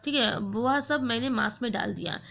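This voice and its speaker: Proud young wife, sharp defiant retorts, high bright tone woman reading. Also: normal speed, gravelly.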